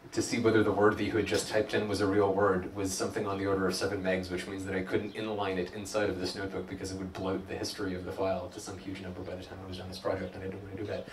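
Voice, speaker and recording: A young man talking through a live code demo in a loose, self-deprecating way, full of ums and restarts. His voice sits a little low. He is heard from across an echoey meeting room with a faint hum of noise behind him. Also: far from the mic. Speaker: presenter giving a tech meetup talk. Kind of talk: casual live demo talk. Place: meeting room at a hack night.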